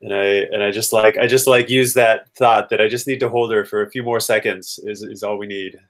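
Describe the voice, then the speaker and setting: Low-voiced halting game player. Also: male voice, steady tone. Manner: halting, restarts often. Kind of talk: casual tabletop play.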